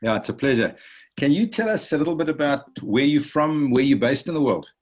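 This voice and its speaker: A man's voice: a little high, lively intonation, a little fast, darkish tone. A man hosting a podcast who introduces his guest and asks questions in a friendly, conversational way. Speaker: podcast host. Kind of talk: interviewing a guest.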